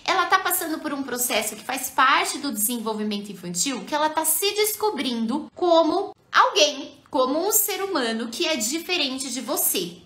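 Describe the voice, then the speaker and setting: A Brazilian Portuguese-speaking woman, a mother and parenting educator, giving an animated live talk and speaking directly to her viewers. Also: high voice. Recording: echoey room.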